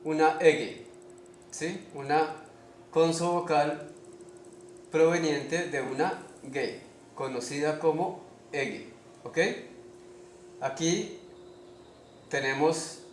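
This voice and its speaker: A man giving a slow spelling lesson, speaking deliberately, pausing often and checking in with his listeners. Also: a little high. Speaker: language teacher. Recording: echoey room with faint background noise.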